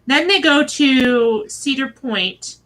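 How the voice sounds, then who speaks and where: Michigan lady rambling thru a show recap, kinda high bright voice, lots of ums and side stories. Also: slow, poor audio. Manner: chatty and rambling, with many fillers and asides. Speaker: reality show recap host. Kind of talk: casual spoken recap. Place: at home with her husband nearby.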